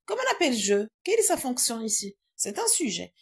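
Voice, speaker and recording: A woman's voice: a little high, very animated, brisk, breathy edge. A woman teaching a grammar lesson in a classroom, quizzing her pupils and repeating their answers.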